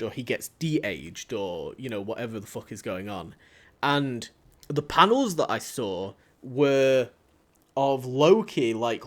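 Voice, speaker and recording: A young man with a Yorkshire accent hosting a casual podcast chat, talking loosely and filling his sentences with "like". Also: medium pitch. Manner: loose and chatty, heavy use of "like". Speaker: podcast host.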